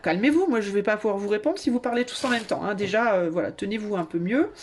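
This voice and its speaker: A woman's voice: mid-range voice, fast talker, darkish tone, a little hiss or hum. A woman doing a casual tarot reading, talking in a chatty, playful way with lots of fillers. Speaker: tarot reader. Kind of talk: casual channeled card reading.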